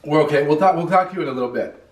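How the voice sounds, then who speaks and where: A man's voice: on the high side, rapid-fire. A man talking casually to the camera in a vlog, his mouth burning from spicy food. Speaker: vlogger doing a hot sauce challenge. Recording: echoey room, far from mic.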